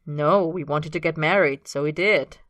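A calm, affectionate young husband who speaks simply and without fuss, as a woman reader plays him. The voice sits low and clear, with no room sound at all. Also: moderate pace, no room sound. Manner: matter-of-fact and low-key.

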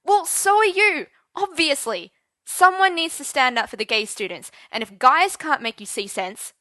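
A woman's voice: a little high, lively intonation, normal speed, pushed and bright, dry recording, studio quality, pitched above the performer's own voice. Woman voicing a defiant young male teacher. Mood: indignant. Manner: heated, indignant and blunt. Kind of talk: audiobook character voice.

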